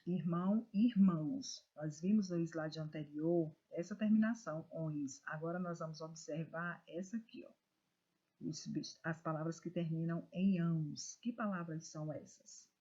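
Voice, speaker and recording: A Brazilian woman teacher giving a recorded lesson to children, reading words slowly and stressing syllables with care. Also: low voice, warm tone, breathy edge. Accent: Brazilian Portuguese. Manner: slow, careful, stresses syllables when reading words aloud. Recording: dull lo-fi recording.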